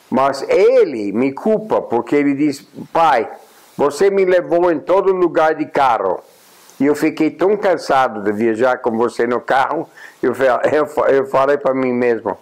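A medium-pitched voice belongs to an American journalist and honorary consul in his eighties, a native English speaker interviewed in a plain indoor room. His reflective talk is unhurried, marked by frequent pauses with "ah" and restarts.

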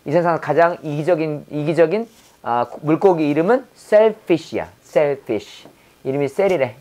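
Low-voiced woman drilling English words. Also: expressive, warm tone. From South Korea. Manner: repeats words and quizzes the viewer, drawn-out pronunciation drills. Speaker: English teacher. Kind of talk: vocabulary lesson with mnemonic wordplay.

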